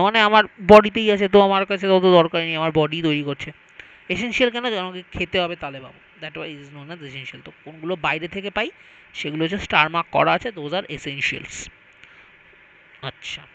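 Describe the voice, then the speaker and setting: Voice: mid-range voice, fairly bright tone. Casual tutor checking in often, lo-fi. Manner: explains step by step, often checks with "ঠিক আছে?"; mixes English terms into casual explanation. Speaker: chemistry tutor. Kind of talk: informal recorded lesson. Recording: dull lo-fi audio with clear background noise.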